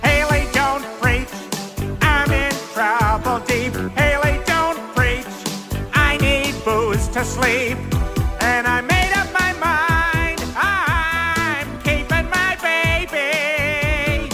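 A woman's voice: high voice, drawn-out words, loud music behind the voice. A woman playing a defiant, slightly crazy cartoon parent-to-be in a pop song parody. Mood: defiant, pleading.

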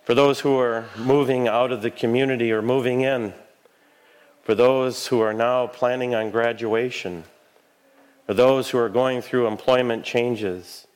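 A man with a mid-range voice leads a church service as its pastor. He recites prayers and liturgy formally, in measured phrases. His delivery is solemn throughout. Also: medium pitch, smooth. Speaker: Lutheran pastor leading worship.

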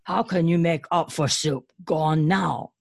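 A woman's voice: low voice, slow, gravelly, darkish tone, dry recording, studio quality, heavily acted. A woman reading a storybook aloud, voicing a huge, dim male ogre who growls in broken speech. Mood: menacing.

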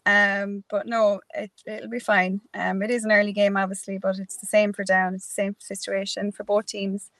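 A woman's voice: medium pitch, level tone, normal speed, few pauses, fairly bright tone, no room sound. A woman with an Irish accent answering casually in a sports interview as a player. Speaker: Gaelic football player.

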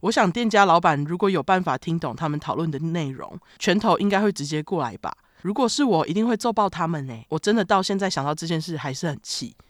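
A woman's voice: on the low side, animated, fast, hardly any pauses, no echo. A woman with a Taiwanese Mandarin accent co-hosting a casual podcast, telling stories animatedly and laughing often. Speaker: podcast co-host. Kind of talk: casual chat, reading listener comments.

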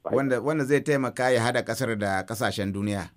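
A man's voice: mid-range voice, quick pace. A man with a Nigerian Hausa accent hosting a radio interview, echoing and completing his guest's points. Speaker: radio host.

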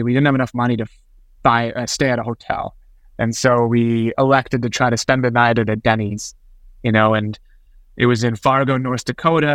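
Even-toned startup founder man, dry sound. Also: mid-range voice, no echo. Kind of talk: conversational storytelling in an interview.

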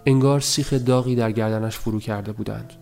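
A man reading a novel aloud as an audiobook narrator, in a measured, even storytelling manner. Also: medium pitch, vocal fry, faint music behind.

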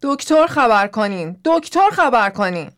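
A frantic young daughter cries out for help in a high, strained voice. The pleading is raw and breathless. It is a character voice in a read-aloud story. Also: female voice, animated. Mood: shrieking. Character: young woman, panicked daughter who just found her mother dead. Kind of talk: audiobook character voice.

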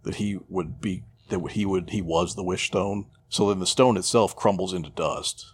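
This podcast co-host is a man with a low voice that has a breathy edge, talking at normal speed. He loosely recounts a movie's story in casual conversation, profane and irreverent throughout.

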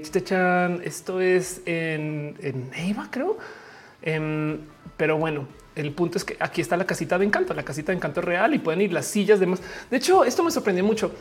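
A chatty woman streamer whose Bogotá accent has mostly worn off under Mexican slang. Her voice sits a little low for a woman. She talks in a loose, animated flow and drops casual swears as she reads the chat. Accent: faded Bogotá Colombian, mixed with Mexican slang. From Colombia, Bogotá.

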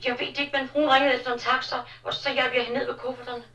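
An upset woman in an old film, speaking in a bright, high, hurried voice. The sound is distant and echoey, as if coming off a television. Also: level tone, dull audio.

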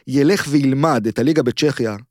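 A man's voice: mid-range voice, darkish tone, dry recording, studio quality. A man, a sports journalist guest, explaining emphatically in casual chat, repeating his points and setting up hypotheticals.

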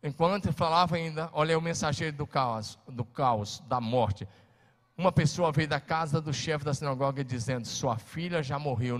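Male pastor, emphatic sermon delivery, higher voice, long church-hall reverb. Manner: emphatic, swings between loud and hushed, calls on listeners to repeat.

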